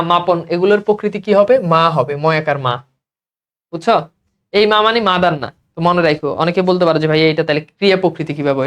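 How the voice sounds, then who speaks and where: Here a high-pitched Bangladeshi teacher drills exam grammar, repeatedly asking a question and then answering it himself.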